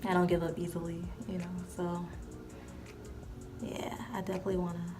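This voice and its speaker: Over background music, a vlogger in her twenties rambles casually through a tour, saying "like" and "you know" constantly. She speaks briskly in a fairly low, monotone voice.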